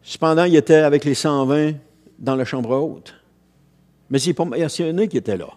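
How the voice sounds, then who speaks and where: A man's voice: on the high side, moderate pace, a little mellow. A man with a Quebec French accent preaching a sermon as pastor, earnest, repeating phrases and restarting lines as he goes.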